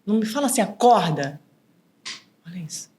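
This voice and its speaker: Middle-aged woman mediator, lively, slips into acted dialogue; voice a touch low. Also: a little fast. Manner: animated, acts out quoted dialogue. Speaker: guest, mediator and author. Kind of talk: casual podcast interview.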